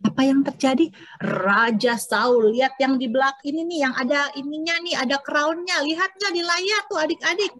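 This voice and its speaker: A woman teaching Sunday school over a video call, telling a Bible story to children in a lively way, acting out the characters and sound effects and asking the children questions. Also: high-pitched, normal speed, no echo. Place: online church service over video call.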